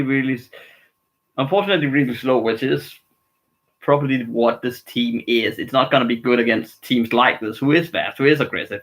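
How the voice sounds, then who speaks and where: A man's voice: medium pitch, fairly bright tone, rough recording. Man streaming live hockey reactions. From Denmark. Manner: casual, rambling, frustrated with his team.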